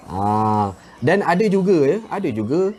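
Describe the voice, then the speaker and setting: A man teaching Quran recitation in a live lesson from a garden, relaxed and chatty, drawing out example words slowly. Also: fairly high pitch, slight background noise. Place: outdoors in a garden with birdsong. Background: birdsong.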